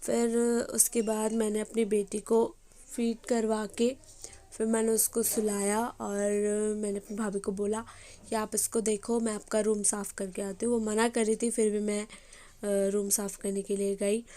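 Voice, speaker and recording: A young woman with a hoarse voice, chatting casually as she narrates her day in a home vlog. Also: medium pitch, flat delivery, a little slow, warm tone. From Bengali family. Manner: chatty, rambling with fillers. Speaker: vlogger.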